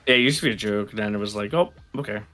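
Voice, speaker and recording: A man's voice: fairly low pitch, rapid-fire, sharp tone, soft background music. A man chatting casually as a fellow gamer, blunt and grumbling, with casual swearing. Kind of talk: casual gaming chat.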